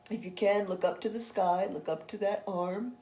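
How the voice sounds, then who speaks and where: A woman yoga instructor guiding a gentle stretch session, chatty and encouraging between breathing cues. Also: medium pitch, steady tone, normal speed, roomy sound.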